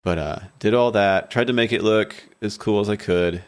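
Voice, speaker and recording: A man in his thirties with a low, deep voice talks through his past in a loose, rambling way, often restarting his sentences. He sits at a boom-arm studio mic in a small podcast room. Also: moderate pace, clear, resonant tone. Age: 30s. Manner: rambling, candid storytelling with frequent restarts. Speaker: guest, bike shop owner. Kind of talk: casual interview talk. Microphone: studio mic on boom arm, headphones.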